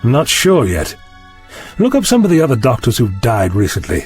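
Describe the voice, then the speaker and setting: Man acting an eccentric doctor, animated and musing. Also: medium pitch, moderate pace, faint music behind. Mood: intent, investigative. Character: eccentric male time-travelling doctor, brisk, curious, courteously dismissive. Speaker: lead actor in an audio drama. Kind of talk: audio drama acting.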